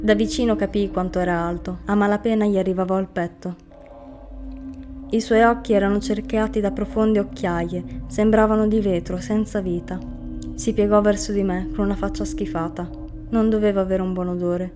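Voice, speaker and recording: A woman reading a dark first-person story aloud in a flat, grim narrating manner. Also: mid-range voice, normal speed. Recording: music bed under the reading. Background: music underneath.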